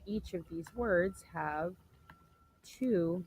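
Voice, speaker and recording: A young woman talks through a class presentation in a fairly low voice. She explains patiently, circles back to rephrase her points, and clears her throat every so often. A faint hiss sits under the recording. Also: drawn-out words, a little mellow, poor audio. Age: young adult. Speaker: student presenter.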